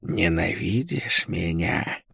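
A man voicing an ancient, cruel female demon spirit who speaks in a slow, gloating hiss in an audiobook. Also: sits low, lively intonation, creaky, fairly bright tone, husky, no room sound, clean studio sound, full character voice. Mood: menacing. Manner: slow hissing menace. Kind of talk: audiobook character voice.

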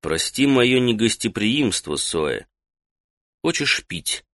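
A man voicing an old male mage who interrogates a captive in a measured, quietly commanding way. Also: medium pitch, sing-song, dry recording, exaggerated voice. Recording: dry close studio sound.

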